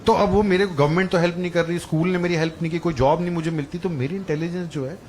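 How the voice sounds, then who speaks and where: Rapid-fire and steady in tone, a young man with a somewhat high voice tells crude, conversational stories during a club stand-up set. Laughter from the crowd and general room noise come through loudly.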